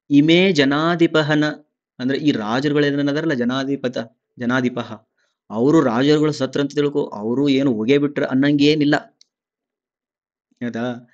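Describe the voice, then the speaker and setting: A man who teaches scripture, chanting each verse slowly and then explaining it in casual dialect. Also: medium pitch, darkish tone. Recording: slightly dull lo-fi audio.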